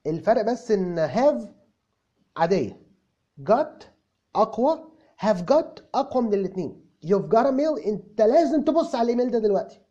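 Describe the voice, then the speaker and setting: In a comic video lesson, a man with an Egyptian Arabic accent plays a self-assured young English tutor answering viewer comments, stammering through restarts and explaining with repeated examples. His voice is high and dark-toned with big pitch swings, his pace moderate and his mood breezy. The recording is dull and lo-fi.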